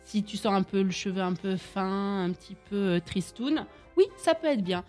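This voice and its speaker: A woman's voice: mid-range voice, lively intonation, normal speed, a little mellow, soft background music. A woman in a casual radio chat, explaining home beauty remedies step by step. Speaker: beauty book author guest.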